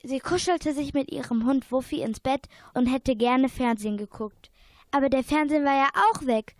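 A woman's voice: high voice, normal speed, dry recording. A young female narrator reading a youth radio play steadily, with small slips now and then.

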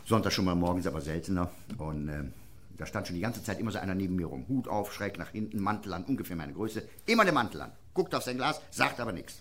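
A man's voice: deep voice, expressive, fast talker, fairly bright tone. A man who tells a comic story in a chatty way and often ends his phrases with a questioning tag. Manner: chatty, tags lines with "ne?". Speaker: comedian.

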